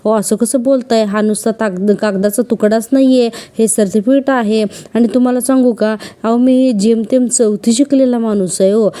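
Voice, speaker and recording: A woman voicing a humble, reformed male prisoner who speaks slowly and earnestly. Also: fairly high pitch, fairly even intonation, dark tone, natural voice.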